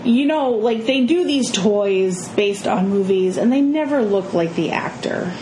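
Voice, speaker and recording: Slow-talking woman with vocal fry, echoey room. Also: medium pitch, lively intonation, warm tone. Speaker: co-host of a movie review show. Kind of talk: casual movie discussion. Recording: echoey room with clear background noise.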